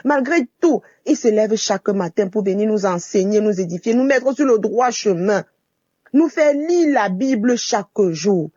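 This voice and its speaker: A woman's voice: fairly high pitch, darkish tone, no room sound, muffled recording. A woman from Cameroon giving a fervent religious testimony in a recorded voice message, repeating her thanks.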